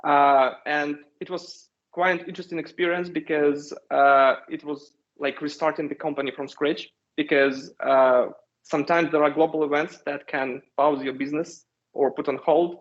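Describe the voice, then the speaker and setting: A man in his thirties from Ukraine with a Ukrainian accent, a company founder giving measured interview answers with frequent hesitations. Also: on the high side, flat delivery. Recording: dull lo-fi sound.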